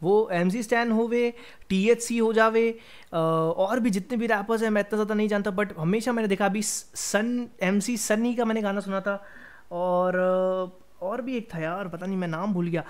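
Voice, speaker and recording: A man's voice: sits high, steady tone, moderate pace, clean tone. A young man hosting a music reaction video, chatting casually and energetically while mixing in English phrases.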